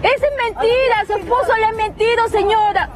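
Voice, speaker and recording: Desperate high-voiced woman pleading. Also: a little fast, crowd noise. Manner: pleading, crying, repeating herself. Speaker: mother seeking her baby. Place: outdoors on a city street.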